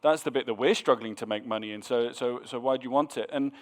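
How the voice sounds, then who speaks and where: A man's voice: medium pitch, quick pace. A man moderating a panel discussion, hesitant and often repeating words as he thinks.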